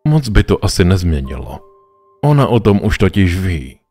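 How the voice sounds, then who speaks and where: A man playing a smug male stranger in a horror story who bargains for sins, speaking in a slow, oily and almost bored way. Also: low voice, very animated, mellow, soft background music.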